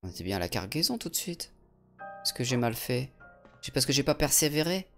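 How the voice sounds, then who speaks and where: A man's voice: mid-range voice, sing-song, brisk, soft background music. A man from France casually commenting on a video game as he plays, swearing now and then and answering his viewers. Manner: chatty, swearing, reads chat aloud. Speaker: let's play streamer. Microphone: USB studio condenser mic.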